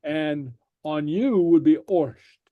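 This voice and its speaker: A man teaching a language class, explaining slowly and patiently, checking in with "okay?" after each point and using many fillers. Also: a little high, no room sound, narrow, tinny audio. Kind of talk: slow explanatory class lecture.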